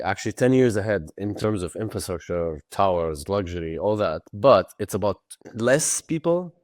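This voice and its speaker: Guy on a video call podcast, lowish voice, dry sound, rambling relaxed answers. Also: no room sound. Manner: relaxed, rambling, uses many fillers. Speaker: podcast guest, tech company founder. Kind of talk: casual interview answers.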